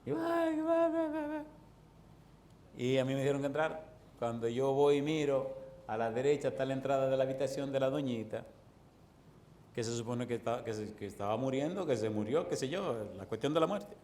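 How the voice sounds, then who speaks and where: A man preaching as a pastor, telling a story with lively acted-out voices and bursts of laughter. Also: mid-range voice, brisk, slight background noise. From Dominican Republic. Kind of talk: storytelling sermon.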